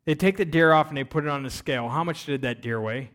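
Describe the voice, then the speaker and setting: A man preaching a sermon on missions, telling stories with energy that swings between loud emphasis and quiet. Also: fairly high pitch, fast talker. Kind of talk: sermon with storytelling.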